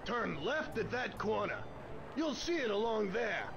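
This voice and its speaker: An actor playing a casual, street-wise local man in a video game, with a creaky voice. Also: sits high, very animated, measured pace, muffled recording, full character voice. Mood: casual, curious. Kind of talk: video game English dub. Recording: noisy game audio with street ambience.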